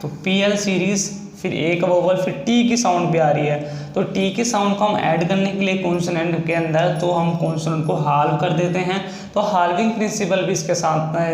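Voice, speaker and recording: Man, shorthand teacher, high voice, echoey room. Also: fairly even intonation, darkish tone. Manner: slow, patient, spells out sounds step by step. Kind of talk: classroom-style lesson. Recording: echoey room with faint ambient noise.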